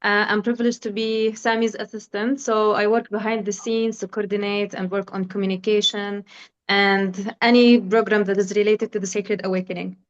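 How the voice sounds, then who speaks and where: A woman from Palestine, a program assistant, giving a polite, even self-introduction on a video call. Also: mid-range voice, normal speed. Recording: dull, muffled video call audio.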